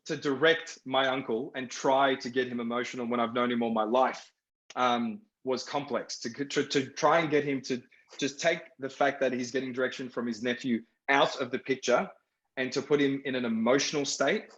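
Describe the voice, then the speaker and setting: A man's voice: mid-range voice, fairly even intonation, moderate pace, a bit bright. A man, a film director, talking through his work on a panel, reflective and given to repeating phrases. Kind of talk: panel discussion over video call. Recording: roomy, muffled sound.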